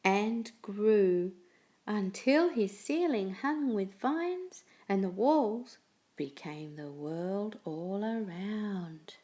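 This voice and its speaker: Slow, animated woman reading a story. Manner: slow, expressive reading with lively pitch. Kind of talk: children's story read aloud.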